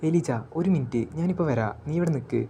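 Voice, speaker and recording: Man voicing confident young mage, storybook recap, mellow. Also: fairly high pitch, fast, slight background noise, lightly acted. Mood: calm.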